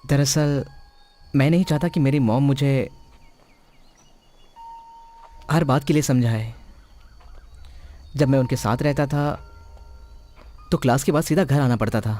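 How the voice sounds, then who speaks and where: A man's voice: medium pitch, darkish tone, close to an everyday voice. A man dubbing a young male student in a drama, who scolds and grumbles in an exasperated way. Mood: quiet. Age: young adult. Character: young male student, restless, wants freedom. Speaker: dub actor. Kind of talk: dubbed drama acting.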